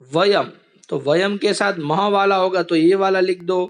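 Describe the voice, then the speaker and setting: Speaking slowly in a fairly high voice, a male teacher leads an online class lesson. He patiently walks his video-call students through each step with care.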